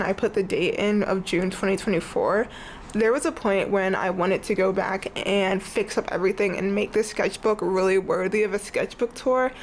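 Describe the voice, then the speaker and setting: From bed, a congested young woman gives a casual, rambling sketchbook tour as an art vlogger, using "like" often and sniffling along the way. Her voice sits in the mid range, and the audio is poor with slight background noise.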